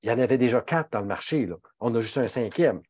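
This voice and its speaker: In a dry recording, an expressive, fast-talking man whose voice is a little mellow and slightly rough gives a health talk as a pharmacist. He is from Quebec, has a Québécois French accent, and comes across as emphatic and indignant, his pitch swinging widely for emphasis.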